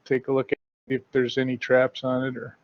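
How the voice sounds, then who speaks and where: A man playing a tabletop game, calmly checking doors and chests one by one. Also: mid-range voice, fairly quick, no room sound, dull audio. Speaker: player. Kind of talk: tabletop role-play.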